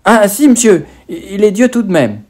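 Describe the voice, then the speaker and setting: A naive country schoolboy stammers out his catechism answers in rustic speech, high and lively in pitch, as a male reader puts him on. He hesitates with fillers and jumps up and down in tone. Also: normal speed. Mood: eager, flustered.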